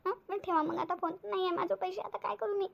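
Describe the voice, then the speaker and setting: A woman plays a sly, whiny young wife in a cartoon, her high voice edged with gravel as she pleads and wheedles. She rattles her lines off at a brisk clip. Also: fairly even intonation, highs cut off. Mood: fake sobbing. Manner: wheedling, fake-tearful pleading. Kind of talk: cartoon voice acting.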